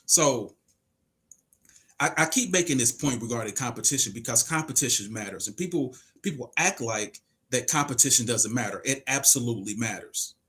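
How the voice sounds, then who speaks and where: A man's voice: mid-range voice, lively intonation, normal speed, sharp tone. Emphatic man in his forties arguing. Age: 40s. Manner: emphatic, argumentative, rhetorical questions. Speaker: podcast host. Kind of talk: casual livestream monologue.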